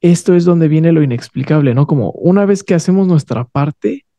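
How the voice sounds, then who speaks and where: A man's voice: on the high side, lively intonation, normal speed, mellow, no room sound. A man, co-hosting and reflecting thoughtfully, often checking in with "¿no?". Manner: thoughtful, often ends phrases with "¿no?". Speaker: podcast co-host. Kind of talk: reflective casual conversation.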